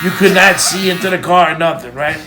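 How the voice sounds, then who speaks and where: A man's voice: fairly high pitch, brisk, background noise. A man telling a casual story-time tale, full of swearing and quoted back-and-forth dialogue. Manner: profane, lively retelling with quoted dialogue. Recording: music playing in background.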